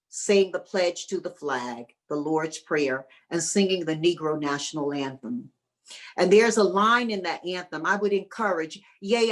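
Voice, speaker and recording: Earnest woman giving a motivational talk. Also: on the low side. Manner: earnest, preacher-like emphasis. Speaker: guest speaker. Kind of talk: motivational speech.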